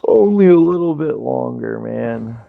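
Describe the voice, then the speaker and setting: Chatting loosely with plenty of fillers, this thirtyish male streamer sounds laid-back through his gaming headset. His gravelly, mid-range voice is animated yet measured, and the dry recording has a dull, lo-fi stream quality.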